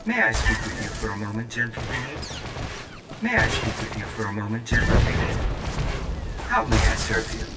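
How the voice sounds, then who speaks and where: A man voicing an overly polite male service droid in a video game, with a too-smooth synthetic android sound and repetitive, mechanical greetings. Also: lowish voice, level tone, moderate pace, heavy background noise. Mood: eerily polite. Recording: roomy game audio over loud music and gunfire.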